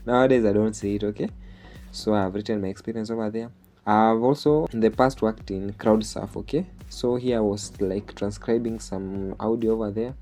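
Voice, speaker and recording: Soft music plays behind the online jobs tutorial host, a Kenyan man and native Swahili speaker, whose low, mellow voice stays steady at a moderate pace. He explains the screen share step by step, regularly asking "okay?"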